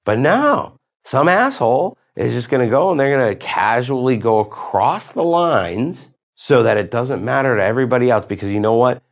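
A man's voice: mid-range voice, expressive, moderate pace, hardly any pauses. A man hosting a podcast, delivering a profane, exasperated ranting monologue. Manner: exasperated, profane, rising to outbursts. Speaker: podcast host.

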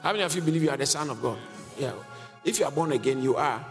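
A preacher with a slightly high, expressive voice moves fast through a scripture-based sermon. Emphatic and fond of questioning his listeners, he chuckles frequently, recorded in a reverberant hall with faint music.

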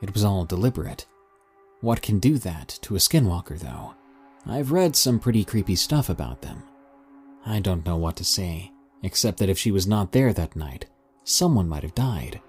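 A man's voice: sits low, animated, moderate pace, a little mellow, breathy edge, faint music behind. A man hosting and reading scripted material in the manner of a storyteller. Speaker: host and narrator of listener-submitted scary stories.

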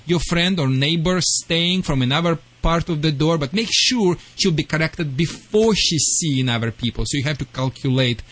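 A man from Russia with a Russian accent, hosting a call-in pet advice show in excitable, joking, imperfect English. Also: fairly high pitch, normal speed, few pauses. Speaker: radio pet-advice host and dog trainer.

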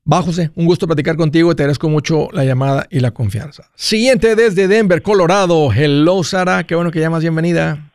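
A man hosts a call-in advice show in a conversational, explanatory way. His voice sits a little high for a man and has a strong gravelly fry. He restates points as he goes, and the sound is close and dry. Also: quick pace, darkish tone, dry recording. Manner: explanatory, rephrases and repeats points. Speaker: call-in show host and financial adviser.

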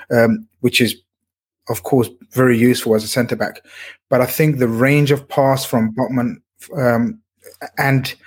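A man in a casual sports discussion, giving his view as a pundit and often repeating words as he weighs it. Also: medium pitch. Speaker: football pundit.

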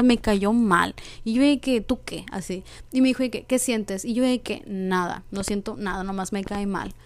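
A woman's voice: on the high side, warm tone, no echo. A woman with a Mexican accent hosting a podcast, casually telling a personal story in slangy speech and acting out the dialogue. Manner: slangy, acts out quoted dialogue. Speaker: podcast host.

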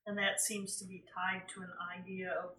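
A woman in the audience asks a measured question in a bright, flat voice. She is far from the mic in a roomy space, with faint noise around her. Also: lowish voice. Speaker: audience member asking a question.

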